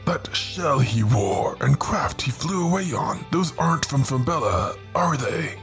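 A man's voice: mid-range voice, animated, a little slow, creaky, fairly bright tone, faint music behind. A man voicing a stern immortal man with horns, asking blunt, demanding questions. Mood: wary.

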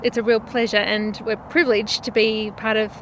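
An Australian woman who runs a family winery, chatting warmly as a guest in an interview. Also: mid-range voice, level tone, normal speed, slight background noise. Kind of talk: casual interview.

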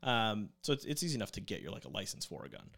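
A man's voice: lowish voice, big pitch swings, racing, a bit bright. A young man co-hosting a podcast, chatting casually and rambling with jokes, fillers and restarts. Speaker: podcast co-host.

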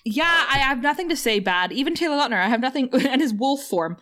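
Animated laughing young woman. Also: high voice, fairly quick. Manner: animated, laughs often, swears casually. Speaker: podcast co-host. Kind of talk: casual chat.

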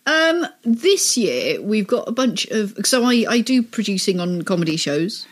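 A woman's voice: medium pitch, sing-song, a little slow. A young woman, a comedy producer and stand-up, chatting rambly on a podcast while eating pizza. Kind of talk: casual chat. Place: indoors at a podcast recording.

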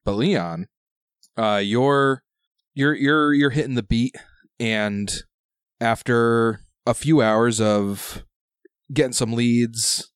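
A man working as game master, improvising narration in a halting, conversational way. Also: mid-range voice, clean tone, no echo, clean studio sound. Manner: halting, conversational phrasing with repeated "like".

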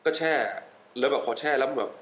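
A young adult man appears as a wellness guest on a podcast, chatting casually and enthusiastically in a mix that includes English. He often laughs and repeats words for emphasis. His medium-pitched, fairly bright voice moves quickly over a rough recording.

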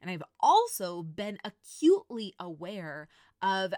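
A woman's voice: mid-range voice, very animated, unhurried, darkish tone, no echo, studio quality. A woman in her thirties hosting a faith-based podcast, talking earnestly and directly to her listeners. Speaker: podcast host. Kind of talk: faith-based personal reflection.

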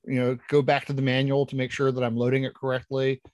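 A man's voice: mid-range voice, monotone, fast, dry recording. A man in casual panel chat, talking with enthusiasm and rambling through many restarts. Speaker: podcast panelist.

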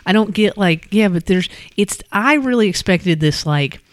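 A woman's voice: medium pitch, lively intonation, normal speed, no room sound. A woman hosting a casual chat, taste-testing snacks and reading labels aloud with lots of fillers. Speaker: host.

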